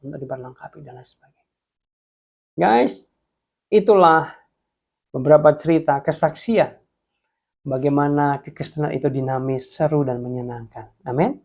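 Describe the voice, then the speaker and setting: A young man from Jepara, Indonesia, telling a testimony in a sermon, talking to listeners as "guys" and swinging between hushed and excited delivery. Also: medium pitch, creaky. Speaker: preacher.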